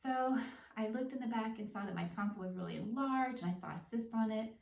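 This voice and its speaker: A woman's voice: a little high, fairly quick, creaky, darkish tone. A woman talking casually in a vlog, explaining practical tips step by step in a conversational way. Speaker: vlogger sharing personal experience. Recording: echoey room, distant microphone.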